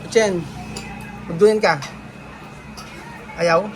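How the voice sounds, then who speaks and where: A Filipino man hosting a casual food vlog, chatty and quick to laugh, asking lots of questions. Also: sits high, steady tone. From Philippines. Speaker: vlogger host. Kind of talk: casual chat while eating. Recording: crowd noise behind.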